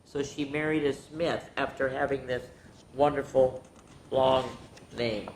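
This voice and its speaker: With an unhurried pace, fairly even intonation, and a slightly mellow voice, a woman hosts story time for kids. She reads picture books in a sing-song way, drawing out the rhymes and adding chatty, exclamatory asides, in an echoey room with background rumble.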